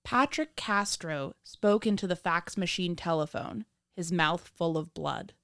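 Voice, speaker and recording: A woman hosting a podcast, reading scripted true crime narration in a measured, dramatic storytelling manner. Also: on the low side, creaky, fairly bright tone, dry recording, studio quality. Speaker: podcast host.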